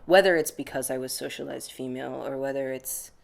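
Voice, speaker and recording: This young American man talks fairly quickly with vocal fry, his medium pitch holding fairly even. He answers interview questions in a relaxed, reflective way, using "like" as a frequent filler.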